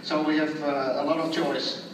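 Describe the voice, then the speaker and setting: A man, an astronaut, answering students in a friendly, hesitant way with many pauses, heard over a space station radio downlink. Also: a little high, little pitch movement. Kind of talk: casual explanatory answers. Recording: echoey, distant, noisy radio link.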